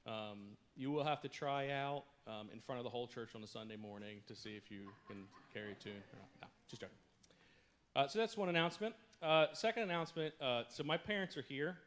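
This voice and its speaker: A man speaking as a guest from a church stage to a congregation. His delivery is loose and conversational, full of fillers and playful asides. His voice sits at an ordinary middle pitch. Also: expressive, brisk, fairly bright tone. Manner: jokey, self-deprecating, many fillers. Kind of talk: casual joking sermon talk.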